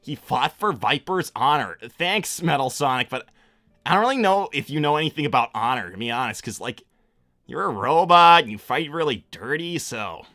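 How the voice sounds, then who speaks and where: A man's voice: mid-range voice, very animated, moderate pace, pushed and bright, no room sound, clean studio sound, faint music behind. A man voicing a casual, slightly awkward young cartoon hedgehog, rambling hesitantly through an improvised livestream Q&A. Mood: casual, unsure.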